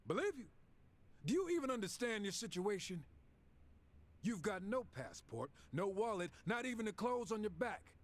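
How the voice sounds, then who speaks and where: A man's voice: high-pitched, big pitch swings, moderate pace. An actor playing a corrupt, sneering police officer in a video game cutscene, mocking and gloating as he frames a suspect, with game music behind. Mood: interrogating. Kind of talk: game dialogue acting. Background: game music score.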